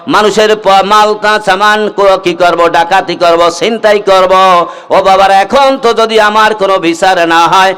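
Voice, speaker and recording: A clear, resonant, fairly bright voice that sits high belongs to a Bangladeshi-accented man preaching a waz sermon. He moves from speech into melodic chanting of verses and rhymes, exhorting the gathering and calling on them to answer.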